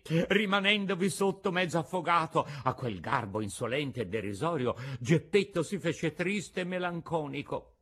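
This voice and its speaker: Man reading a fairy tale out loud, super animated and playful, voice all over the place. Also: on the high side. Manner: lively, theatrical, playful. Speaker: audiobook narrator. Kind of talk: expressive storybook narration.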